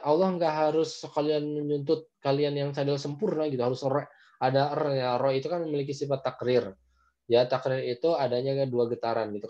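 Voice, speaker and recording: Teaching Quran recitation online via video call, the man with an Indonesian accent carefully explains and slowly models each letter sound. His pitch is medium and his tone warm, though the recording lacks its highs.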